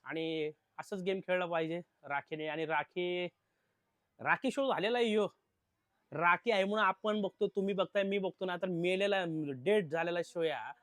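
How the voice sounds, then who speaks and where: A man talks through the latest reality show drama in an animated, chatty way, calling his viewers friends and mimicking what the contestants said. His voice sits a little high. The sound is close and dry. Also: normal speed, no echo. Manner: animated, addresses viewers as friends, acts out quotes. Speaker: reality show recap commentator. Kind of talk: casual recap commentary.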